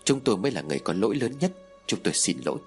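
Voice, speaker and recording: Weary older matriarch, low and tired, voiced by a male narrator. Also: very animated, very fast, soft background music. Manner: tired, lowered voice. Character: weary, apologetic older mother-in-law.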